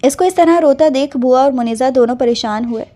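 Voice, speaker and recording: Mellow woman reading a romance novel. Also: sits high. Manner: smooth storytelling. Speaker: narrator.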